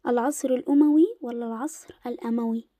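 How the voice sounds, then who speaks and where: A young woman with an Egyptian Arabic accent teaching an Arabic lesson in a casual explanatory way, slowing down to stress word pairs. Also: on the high side, fairly even intonation, dark tone, dry recording.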